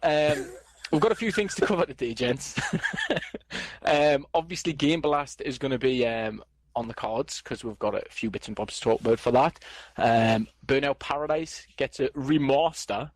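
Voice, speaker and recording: A man hosts a relaxed gaming podcast with a joking, playfully boastful manner. His voice sits at an ordinary middle pitch. The sound is close and dry, with no room echo. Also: normal speed. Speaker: podcast host. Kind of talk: casual podcast chat.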